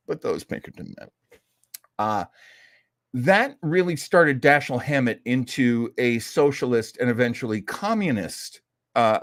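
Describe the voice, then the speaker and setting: A man hosts an old-time radio program, offering casual commentary in a chatty, folksy and opinionated manner. His voice is mid-range, with clean studio sound and no room noise.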